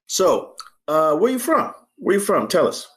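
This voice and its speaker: A man's voice: high-pitched, big pitch swings, unhurried, fairly bright tone. A man hosting a casual interview show, joking, rhyming and repeating phrases for emphasis. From Harlem, New York. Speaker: podcast host.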